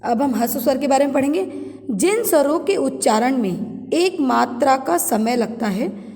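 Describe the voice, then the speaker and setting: A woman teacher with a high, mellow voice talks students through a grammar lesson. She reads each definition, then repeats it slowly in simpler words and speaks to the class directly. The recording has a long, echoing reverb. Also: expressive. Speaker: Hindi teacher.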